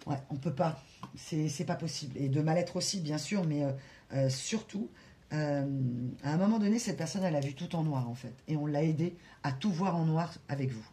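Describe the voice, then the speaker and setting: Hesitant, mellow-voiced card reader. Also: mid-range voice, normal speed. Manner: hesitant, many fillers, asides to spirit guides. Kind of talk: tarot-style guidance reading to camera.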